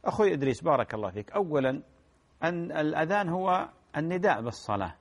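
A man answering listeners' religious questions in a measured lecturing manner, often repeating key phrases and clearing his throat. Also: fairly high pitch, very animated. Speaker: Islamic scholar answering questions.

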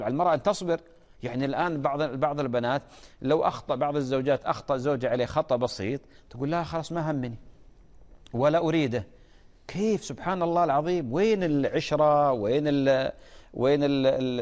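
A man's voice: fairly high pitch, a little mellow, big-room sound. A man preaching an earnest sermon, often stalling and restarting mid-word.

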